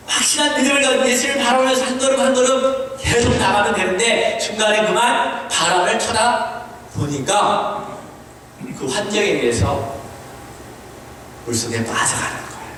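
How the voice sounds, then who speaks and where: A Korean man preaching a sermon as pastor, asking the congregation questions and mixing in short English phrases, swinging between high emphatic lines and low quiet ones. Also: normal speed, a little hiss or hum. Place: church sanctuary. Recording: echoey church hall, voice from a distance.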